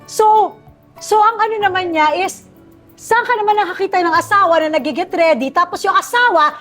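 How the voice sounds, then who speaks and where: A woman's voice: very high voice, moderate pace, a bit bright, faint music behind. A middle-aged Filipino woman telling a story as a guest in an interview, chatty, often asking "di ba?". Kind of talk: casual interview chat.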